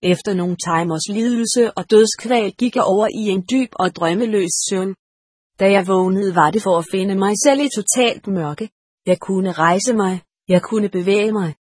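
Husky-voiced woman reading a solemn story. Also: mid-range voice, darkish tone, no room sound, clean studio sound. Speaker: audiobook reader. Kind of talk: scripted first-person story narration.

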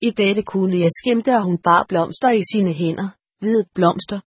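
A woman reading a first-person story aloud in a measured, solemn way. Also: mid-range voice, slightly rough, no room sound, studio quality. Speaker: audiobook reader.

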